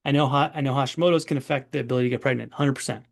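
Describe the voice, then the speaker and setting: Brief: forties male doctor hosting webinar, gravelly and chatty. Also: mid-range voice, fairly even intonation, racing. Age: 40s. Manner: chatty, long-winded, rambling. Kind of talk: casual webinar Q&A.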